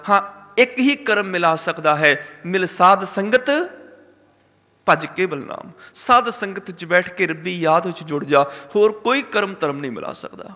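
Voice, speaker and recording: High, bright-voiced male preacher. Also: big-room sound. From Punjab, India. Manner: chants scripture lines slowly, emphatic repetition. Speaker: Sikh preacher. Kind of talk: religious discourse.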